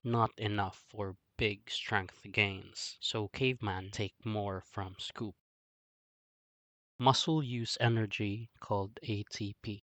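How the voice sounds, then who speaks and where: Slow, low caveman explainer played by a man. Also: fairly bright tone, no room sound, lo-fi sound. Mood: plain, earnest. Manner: caveman talk in short, blunt broken-grammar phrases. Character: slow, simple-minded but earnest caveman fitness explainer. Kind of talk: scripted comic explainer narration.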